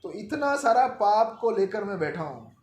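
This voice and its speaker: A man's voice: sits high, big pitch swings, a little slow, roomy sound. A man in his forties preaching a sermon. He asks rhetorical questions, speaks straight to one listener and acts out people's pleas. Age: 40s.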